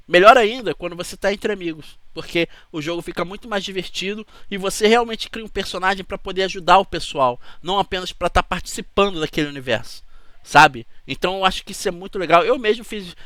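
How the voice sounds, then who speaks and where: A man's voice: high voice, pushed and bright, no room sound. A man with a Brazilian Portuguese accent, hosting his channel in a chatty, rambling talk to camera that keeps checking in with the listener. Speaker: channel host.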